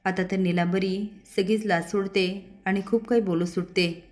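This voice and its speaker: A woman's voice: medium pitch, fairly even intonation, moderate pace. A woman retelling a TV serial episode, reading every character's lines in her own plain voice. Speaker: serial recap narrator.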